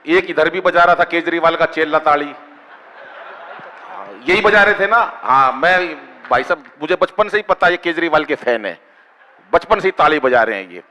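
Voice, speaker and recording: Bright-voiced man joking on stage. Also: on the high side, normal speed, big-room sound. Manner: bantering with the audience, asks for applause. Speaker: stand-up poet. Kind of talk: kavi sammelan comic poetry.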